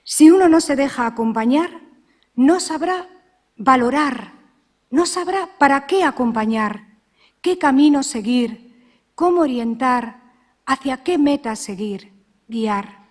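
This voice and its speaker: A middle-aged woman, a religious sister, giving a measured, earnest spiritual talk full of reflective questions. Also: sits high, expressive.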